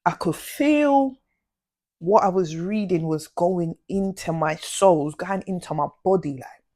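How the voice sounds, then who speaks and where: A young woman telling a slangy, animated storytime vlog. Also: on the low side, unhurried. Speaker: vlogger.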